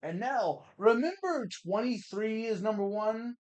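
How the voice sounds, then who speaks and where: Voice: mid-range voice, lively intonation, measured pace, a little mellow. A gaming streamer giving casual let's play commentary, swearing often, with sudden frustrated outbursts and chatty asides to the audience. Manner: laughs easily, chatty asides.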